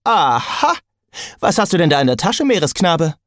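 A man's voice: on the high side, very animated, normal speed, no echo, studio quality, pitched above the performer's own voice. A man voicing a boastful, ancient male sword that talks in a cocky, indignant way. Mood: nosy.

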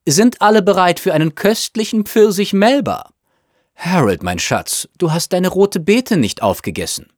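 A man's voice: high-pitched, very animated, normal speed, dry recording, studio quality, voice pushed up. A man voicing a snobbish, self-absorbed upper-class mother who chatters in a gushing, fussy way. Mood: fussing.

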